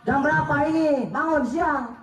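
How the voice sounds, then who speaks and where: A man's voice: extremely high pitch, normal speed, a little hiss or hum, pitched above the performer's own voice. A man doing a whiny nagging wife. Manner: whiny, scolding. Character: nagging wife waking her husband. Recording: echoey, distant, muffled live PA.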